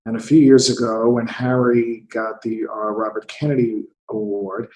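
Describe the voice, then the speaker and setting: A man's voice: lowish voice, level tone, normal speed, a little mellow, reverberant, a little hiss or hum, poor audio. A man in his fifties from the United States, a theatre investor speaking as an interview guest, thinking aloud and often repeating words. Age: 50s. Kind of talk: conversational interview.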